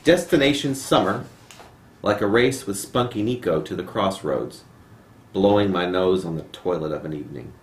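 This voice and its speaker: In a home setting, a man with a low-pitched voice reads his poems aloud at a moderate pace during a live reading. The amateur video was recorded on the camera's own mic, giving an echoey room sound and faint noise.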